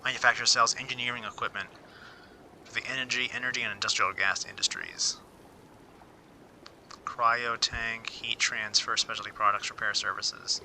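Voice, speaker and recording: A man's voice: mid-range voice, level tone, normal speed, sharp tone, slight background noise, rough recording. A man streaming casually, thinking aloud as he reads out figures and muses on them wryly, often repeating words mid-sentence. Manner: wry, self-interrupting, repeats words as he reads. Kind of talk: casual livestream commentary.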